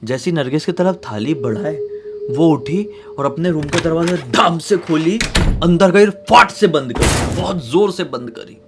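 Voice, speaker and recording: A man telling a horror story in a casual, dramatic way, swinging between loud bursts and hushed tones. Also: fairly high pitch, animated, a little slow, noisy background.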